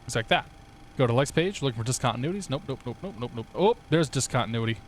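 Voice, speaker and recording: A man's voice: mid-range voice, expressive, fast, slight background noise. A young man streaming a flight simulator, chatting casually with viewers, laughing and swearing now and then. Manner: laid-back, swears casually, laughs often. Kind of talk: casual livestream chat with viewers.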